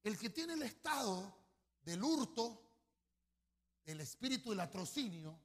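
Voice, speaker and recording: A man preaching a sermon as pastor, swelling suddenly loud and dropping back, talking straight to the congregation. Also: high-pitched, big pitch swings, measured pace, husky.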